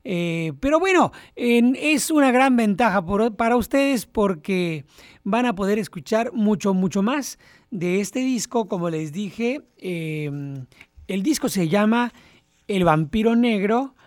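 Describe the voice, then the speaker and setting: A radio host introducing a recorded album in a relaxed, conversational way. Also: mid-range voice, slow pace, dry recording, studio quality.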